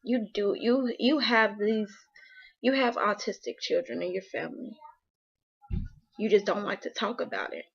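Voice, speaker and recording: A young woman speaks to her viewers as a mother, heartfelt and openly emotional, with plenty of casual "like" fillers. Her voice sits at an ordinary middle pitch for a woman. The recording is dull and lo-fi, as from a home camera. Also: animated, normal speed, creaky, husky. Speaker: vlogger, mother. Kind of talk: casual personal talk to camera.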